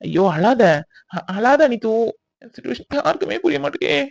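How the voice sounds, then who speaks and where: A man's voice: very high voice, lively intonation, normal speed, vocal fry, no echo, exaggerated voice. A young man voicing a harried, guilty young husband who stammers and frets, on slightly dull audio. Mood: flustered. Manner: flustered, stammering.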